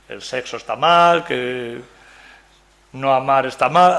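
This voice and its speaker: A man's voice: on the high side, vocal fry, fairly bright tone. An older man from Galicia, giving a Bible study sermon in a conversational way, often asking "¿verdad?" and joking with his listeners. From Galicia, Spain. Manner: conversational, keeps asking "¿verdad?", jokes with the audience. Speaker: preacher. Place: church meeting room.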